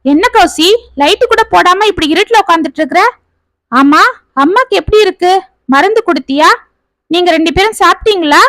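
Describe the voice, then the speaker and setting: A woman voicing an exasperated young husband who fires off quick, irritated questions in a storybook tale. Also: very high voice, fairly bright tone, dry recording, pitched above the performer's own voice. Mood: worried.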